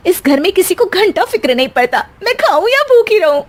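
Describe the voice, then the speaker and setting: A woman's voice: very high voice, very animated, brisk, voice pushed up. A woman voicing a feisty, dramatic young daughter-in-law in a cartoon story, complaining in a whiny, exclamatory way. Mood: grumbling. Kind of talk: Hindi cartoon moral story acting.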